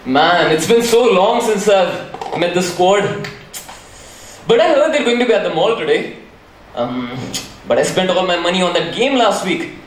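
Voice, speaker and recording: A man's voice: high-pitched, sing-song, normal speed, voice pushed down. A man playing a carefree teenage son in a school stage play, casual and coaxing. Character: carefree teenage son asking dad for money. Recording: echoey hall from far off, faint noise.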